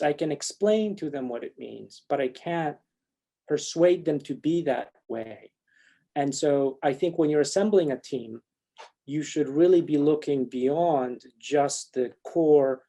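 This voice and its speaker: A man's voice: a little high, dark tone. A man from Poland giving a talk and answering audience questions, reflective and wry, with frequent restarts.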